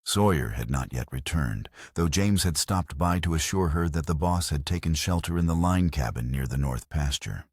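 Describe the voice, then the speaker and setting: Very deep, husky male storyteller. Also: animated, normal speed, few pauses, no room sound, clean studio sound. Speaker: narrator. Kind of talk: scripted storybook narration.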